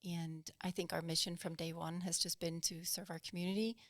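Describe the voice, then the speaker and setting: A woman from Denmark with a Danish accent touched by northern English, speaking as a podcast guest in an earnest, measured way. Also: on the low side, flat delivery, dry recording, studio quality. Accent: Danish with a northern English tinge. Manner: measured, earnest, explains plainly. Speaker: guest, executive director of a nonprofit. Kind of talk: podcast interview. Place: small podcast studio. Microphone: studio mic on a boom, with headphones.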